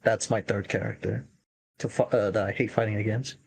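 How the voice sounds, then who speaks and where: A man on a gaming podcast panel in casual chat, giving blunt, quick reactions. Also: fairly low pitch, steady tone, gravelly, slightly rough, poor audio.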